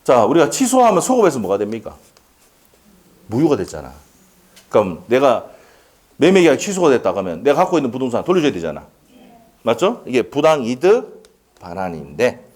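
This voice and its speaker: A male lecturer teaching law in a classroom, in a relaxed, conversational tone. His pitch leaps up and drops low from phrase to phrase, full of rhetorical questions and quick laughs. He keeps checking in with the class as he goes. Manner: chatty, asks the class questions and answers them himself; laughs often and jokes with students.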